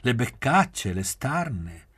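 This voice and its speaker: A man reading aloud, voicing a sulky, lively young woman in a novel. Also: medium pitch, drawn-out words, breathy edge, voice pushed up, heavily acted. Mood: pouting. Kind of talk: audiobook reading.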